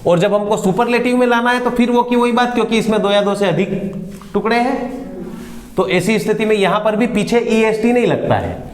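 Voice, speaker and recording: A man's voice: sits high, brisk. A man teaching an English grammar class to students, asking them questions and repeating words back to them. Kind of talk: classroom lesson explaining grammar. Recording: echoey room with long reverb.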